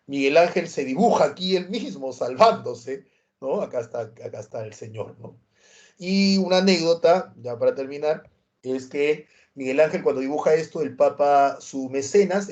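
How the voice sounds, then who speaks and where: Peruvian-born man teaching history, lively. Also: mid-range voice, muffled recording. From Peru. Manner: animated storytelling, frequent tag questions. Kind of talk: university prep lecture.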